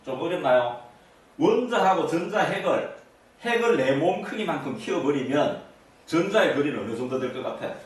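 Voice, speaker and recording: A man's voice: on the high side, expressive, moderate pace. A man giving an interactive lecture to an audience, constantly asking them either-or questions. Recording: echoey room, mic at a distance.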